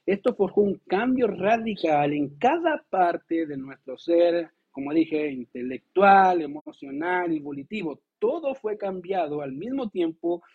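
A male pastor with a high, creaky, husky voice delivers a lively, conversational sermon, throwing rhetorical questions at the congregation and acting out quotes. The recording sounds tinny, like a phone.

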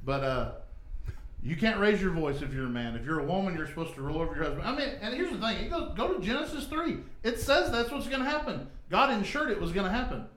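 A man's voice: sits high, sing-song, quick pace, fairly bright tone. A man co-hosting a casual faith discussion, working through his points thoughtfully with frequent restarts. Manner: thoughtful, restarts often, builds arguments. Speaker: co-host. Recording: echoey room with faint ambient noise.

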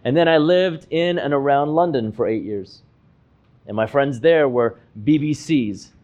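A man in his thirties from Hong Kong, a pastor giving a measured, earnest, reflective sermon. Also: medium pitch, darkish tone, highs cut off. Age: 30s.

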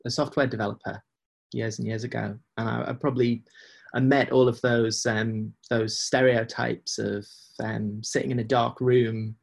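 A man's voice: medium pitch, level tone, normal speed, gravelly, husky. A man in casual, reflective conversation as an interview guest, speaking hesitantly and often repeating phrases as he goes. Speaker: podcast guest, agile coach.

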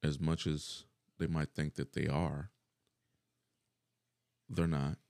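A man's voice: very deep voice, flat delivery, slow pace, a little mellow, clean tone, dry recording, studio quality. A middle-aged man chatting casually as a podcast guest, laid-back and profane, laughing often.

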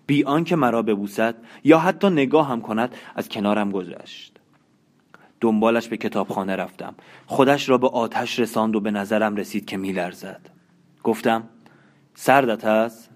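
A man narrating a novel in the first person, in a measured, dramatic storytelling manner. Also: fairly low pitch. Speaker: audiobook narrator.

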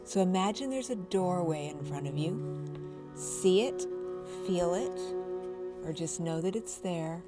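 A woman leading a guided meditation in a soft, soothing, unhurried spa-like voice, repeating words as she goes. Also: fairly low pitch, expressive. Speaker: host of a healing show and guided-journey leader. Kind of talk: slow guided meditation narration. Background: music behind the voice.

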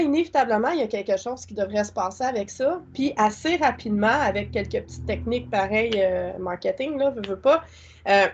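A woman with a Québécois accent chats freely as a podcast guest, rambling with enthusiasm. Her voice is a touch high and husky. The sound is dull and lo-fi. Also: a little mellow. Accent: Québécois French. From Quebec. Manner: chatty, rambling, enthusiastic, colloquial. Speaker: guest, spiritual content creator. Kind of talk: casual interview chat.

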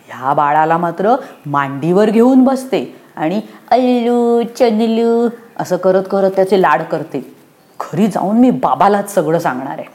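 A woman voicing a sulky, jealous little girl in a children's story, whining and shouting when she doesn't get her way. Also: mid-range voice, natural voice. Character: pouty jealous little girl, new big sister.

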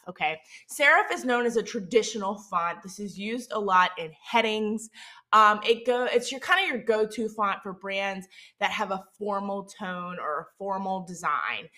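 Bright-voiced woman with a Southern Mississippi accent. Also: mid-range voice, lively intonation, normal speed. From Mississippi, United States. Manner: informal, explanatory, often checking in with "okay?" and "right?". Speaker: host of a branding and marketing show. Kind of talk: conversational instructional podcast.

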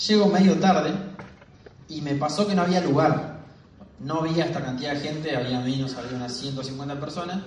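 An Argentine man gives a motivational talk to a live crowd, his voice pitched high. He rushes through his stories and acts out the people he quotes. The sound is distant and carries a heavy hall echo. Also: slight background noise. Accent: Argentine Spanish. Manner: fast, animated storytelling with shouted quotes. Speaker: motivational speaker. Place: large hall with audience. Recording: echoey hall, voice from far off.

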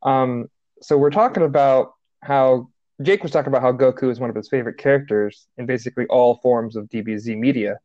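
A man's voice: mid-range voice, fairly quick, darkish tone, dry recording, dull audio. Rambling podcast guy, dry close mic. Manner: rambling, filler-heavy storytelling. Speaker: podcast co-host. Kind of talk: casual chat.

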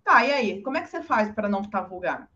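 A woman with a medium-pitched voice talks quickly in a relaxed advice chat. She's animated and tends to act out quoted speech; the recording is dull and lo-fi.

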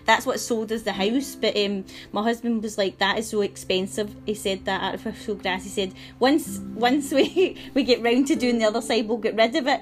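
A woman, chatting casually and animatedly, often laughing and restarting her sentences. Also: mid-range voice. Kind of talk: casual chat.

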